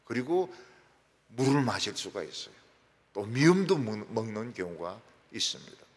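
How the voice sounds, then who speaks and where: A man preaching a sermon as pastor, animated and joking, acting out everyday phone calls and prayers. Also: on the low side, moderate pace, breathy edge. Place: church sanctuary. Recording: reverberant church hall.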